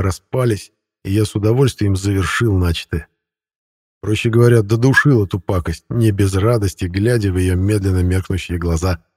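Man reading an audiobook, low voice, husky, wry conversational tone, dry close sound. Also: a little mellow, dry recording. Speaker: audiobook narrator. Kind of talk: first-person audiobook narration.

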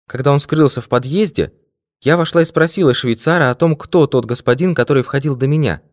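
A man's voice: mid-range voice, a little fast, dry recording, clean studio sound, voice pushed up, close to an everyday voice. A man voicing an anxious young woman. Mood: earnest. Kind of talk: audiobook character voice.

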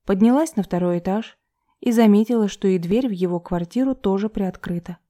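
Woman narrating a novel, mellow voice. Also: mid-range voice, a little fast. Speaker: audiobook narrator. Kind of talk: first-person novel narration.

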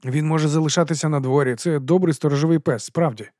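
A man reading an audiobook, voicing a gruff, suspicious male leader who speaks curtly. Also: a little high, fast, mellow, no room sound, studio quality, voice pushed up, lightly acted. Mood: stern. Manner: curt, suspicious, grumbling.

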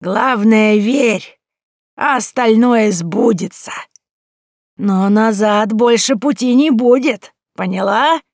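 A woman voicing an elderly village woman over 60, detached and then mockingly knowing, with a slow, rattling voice. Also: on the high side, a little mellow, dry recording, studio quality, pitched above the performer's own voice. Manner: slow, drawn-out delivery.

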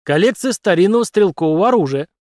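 A man's voice: sits high, animated, quick pace, a little mellow, no room sound, clean studio sound, voice pushed up. A man doing a grim hardened soldier captain. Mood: weary. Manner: curt, grim, clipped.

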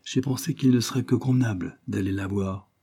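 A grave husband speaks in a solemn, measured way, voiced by a man reading the book aloud. His tone is low and dark, with a husky edge. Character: grave husband revealing a secret.

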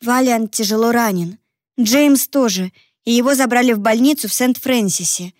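A woman's voice: on the high side, normal speed, no room sound, clean studio sound, natural voice. A woman reading an audiobook, voicing a determined young woman who pleads earnestly with her mother. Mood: pleading. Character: determined young woman, guilty but resolute daughter.

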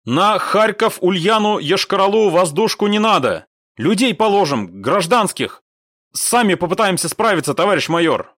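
A man voicing a young radio operator who reports from a battle in high, tense, clipped bursts. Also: lively intonation, unhurried, few pauses, no echo, clean studio sound. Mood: urgent. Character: young male radio operator, urgent and strained.

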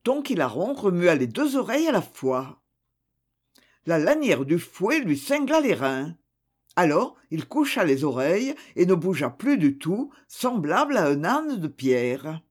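Narrateur de conte pour enfants, débit lent, intonation très vivante. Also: medium pitch. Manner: slow, expressive storytelling. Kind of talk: scripted narration of a children's story.

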